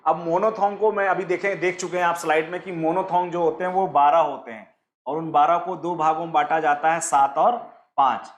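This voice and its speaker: A man teaching an online exam-prep class, walking his students through each point one at a time. His voice sits high, and it rings out in a roomy space. He often stops to ask the class a question. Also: fairly even intonation, brisk, slight background noise. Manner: explains step by step, asks the class questions; mixes English terms into his teaching.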